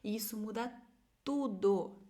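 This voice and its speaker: A woman with a Brazilian Portuguese accent teaching an online English lesson, encouraging her students and drawing out English example phrases slowly. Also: mid-range voice, mellow, reverberant.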